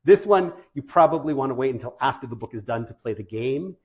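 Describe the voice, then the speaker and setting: An eager male presenter talks with parents in a relaxed, conversational way, piling praise on whatever he shows them. His voice sits at a middle pitch, with loose, chatty phrasing throughout. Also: quick pace. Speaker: presenter for parents of deaf children. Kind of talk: informal presentation to families.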